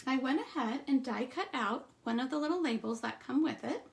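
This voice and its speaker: A woman giving a live stamping demonstration, chatting through each step and trailing off into quiet asides. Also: sits high, animated, a little fast, gravelly. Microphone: streaming setup at a craft table.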